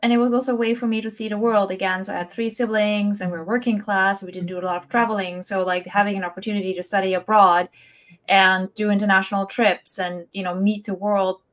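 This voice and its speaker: A woman's voice: medium pitch, fairly even intonation, quick pace. A woman, telling her own story conversationally as an interview guest on a video call. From Austria. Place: indoor room, video call. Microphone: wireless earbuds on video call.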